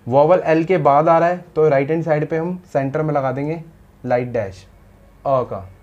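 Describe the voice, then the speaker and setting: Teaching shorthand mixed with English terms, this man has a fairly high, darkish voice at normal speed, and the recording's highs are cut off. He goes through it step by step with patience, often checking understanding with "samajh aaya?"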